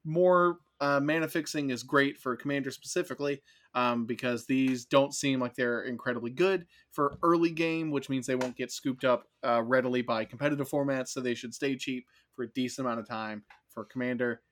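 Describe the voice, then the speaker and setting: A man hosting a casual podcast, reading out card text and giving quick, upbeat opinions on each one. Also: mid-range voice, fairly bright tone. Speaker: podcast host.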